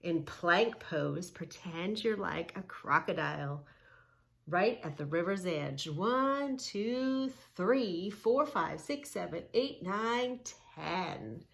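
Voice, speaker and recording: Her voice sits fairly low but sounds bright, with lively intonation, a slow pace and some vocal fry. Acting as a yoga teacher, she reads a children's story aloud, prompting little listeners with questions, repetition and simple steps to move and count along.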